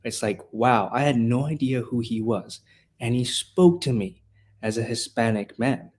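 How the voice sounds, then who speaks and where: There's slight background noise as a Honduran rhetoric teacher and classical school leader talks on a podcast interview. Unhurried and a little mellow in a medium pitch, he speaks with earnest passion, often beginning his phrases again.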